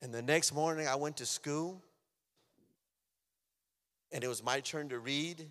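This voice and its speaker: A man giving an emotional personal testimony, swinging from loud outbursts to near-whispers. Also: on the high side, measured pace. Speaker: testimony speaker. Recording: long hall reverb.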